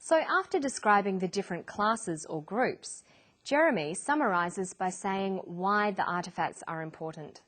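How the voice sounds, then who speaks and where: A woman narrating an English lesson in a clear, deliberate teaching voice. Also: mid-range voice, expressive, fairly bright tone. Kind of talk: scripted educational narration.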